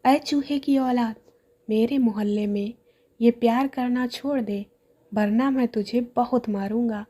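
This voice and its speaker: A woman's voice: fairly high pitch, measured pace, dark tone. A woman doing a bullying elephant. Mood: threatening. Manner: threatening. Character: big bullying male elephant.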